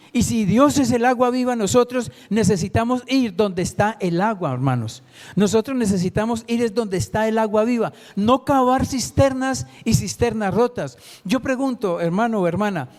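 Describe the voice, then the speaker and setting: A man's voice: extremely high pitch, a little mellow. A man, preaching a Sunday sermon as a lay preacher and putting rhetorical questions to the congregation.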